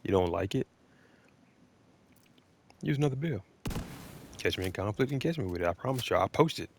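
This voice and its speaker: Deep-voiced man, blunt gaming commentary. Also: expressive, rapid-fire, background noise. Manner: blunt, opinionated, defensive. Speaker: gaming video creator. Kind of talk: off-the-cuff video game commentary.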